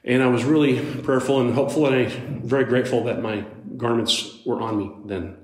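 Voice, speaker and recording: A man giving a motivational talk in a big, roomy hall, his mid-range voice ringing off the walls. He tells his story conversationally, turning to the crowd with quick asides, then suddenly leaps higher and louder to drive a point home. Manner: animated storyteller with sudden jumps up in pitch and loudness. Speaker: motivational speaker. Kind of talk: live storytelling talk to a youth audience. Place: large hall with a live audience. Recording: roomy live hall sound.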